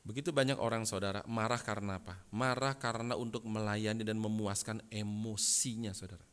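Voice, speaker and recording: A man preaching a sermon as pastor, swinging from loud bursts to soft asides and often addressing the congregation directly. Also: fairly low pitch, fairly even intonation, fairly quick, clear, resonant tone. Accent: Indonesian.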